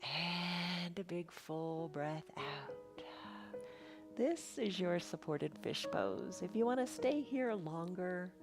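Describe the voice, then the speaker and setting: A woman leading a guided restorative yoga class in a soothing, unhurried, encouraging way. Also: mid-range voice. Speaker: yoga instructor.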